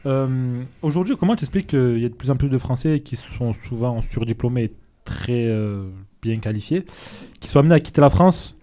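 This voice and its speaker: A man hosting a casual interview, asking questions in a relaxed, conversational way. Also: medium pitch, brisk. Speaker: host.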